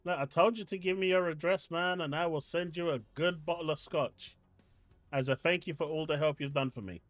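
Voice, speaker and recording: An Englishman hosts a casual live stream from his desk at home, reading the chat and ranting with exasperated disbelief. His voice is a little high, a bit bright and steady in tone, with a brisk pace, captured dry with faint music behind.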